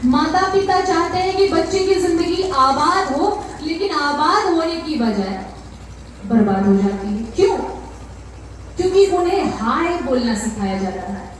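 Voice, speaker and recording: A woman's voice: sits high, animated, measured pace, slight background noise. A woman preacher with a North Indian Hindi accent, giving an impassioned devotional sermon full of rhetorical questions. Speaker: katha preacher. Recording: echoey PA sound from far off.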